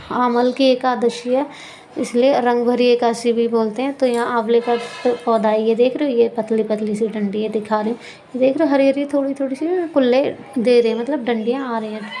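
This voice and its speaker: A young mother chatting through a home vlog voice-over in a rambling, self-correcting way. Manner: scolding loudly at high pitch in the clip. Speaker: vlogger and mother.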